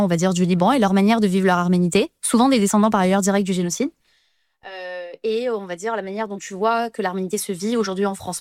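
A woman with a mid-range voice hosts a podcast interview. She asks measured questions, with frequent fillers. The recording is dry and close. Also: mid-range voice, a little mellow, no room sound. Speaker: podcast host.

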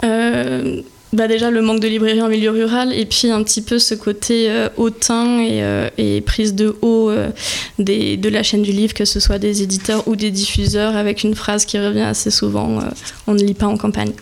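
A woman in her twenties, a bookshop owner, answering radio interview questions in a measured way with many hesitations. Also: mid-range voice, little pitch movement, vocal fry. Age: 20s. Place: radio studio.

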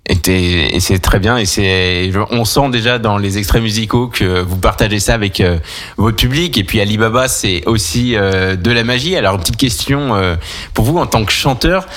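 A male radio host with a low voice, building his questions slowly and filling gaps with hesitant sounds. His tone stays friendly and unhurried as he steers the guest. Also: fairly bright tone. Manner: hesitant, many fillers while forming questions. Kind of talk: radio interview.

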